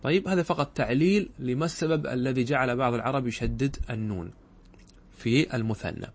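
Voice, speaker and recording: A middle-aged man teaching Arabic grammar in a classroom lecture. He keeps asking rhetorical questions and answering them, and slows down to spell out example words. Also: mid-range voice.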